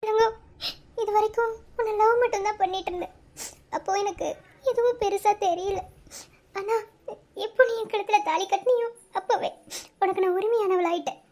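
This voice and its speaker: A woman voicing a very high, tearful young wife. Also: steady tone, moderate pace, pauses often, darkish tone. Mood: tearful pleading. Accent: Madurai Tamil. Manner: pleading, emotional, tearful. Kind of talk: cartoon voice acting.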